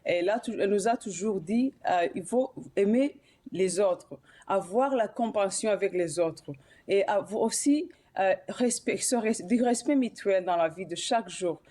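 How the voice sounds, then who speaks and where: Mellow-voiced woman singer. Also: medium pitch, unhurried, a little hiss or hum. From Burundi. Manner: hesitant, many "euh" fillers and restarts. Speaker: singer and guest. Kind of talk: TV studio interview.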